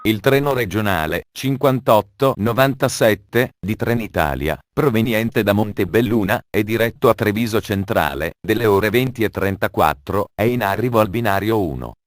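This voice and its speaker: A man giving formal, measured train station announcements in an automated announcement style. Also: on the low side, lively intonation, no room sound, studio quality.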